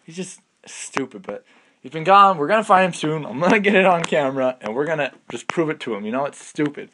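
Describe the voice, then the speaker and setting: Young male lead for a homemade horror clip, nervous rambler, slightly high voice, noisy camera sound. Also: expressive, brisk, bright, forceful tone. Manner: rambling, nervous, repeats himself. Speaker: student actor in a homemade horror short. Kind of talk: amateur found-footage acting.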